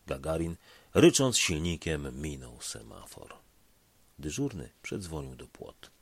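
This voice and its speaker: A man narrates a tense story in a deep, gravelly voice that climbs and dips widely. His tone is husky, and the recording is close and dry, with no room sound. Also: a little slow, no echo. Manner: expressive, shifts between loud and hushed delivery. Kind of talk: dramatic story reading.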